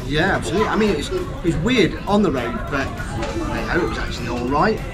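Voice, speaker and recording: A man's voice: fairly high pitch, expressive, fairly quick. A man, chatting casually as a vlog co-host. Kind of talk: casual chat. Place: garage, restaurant, car and outdoor trail. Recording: music behind the voice.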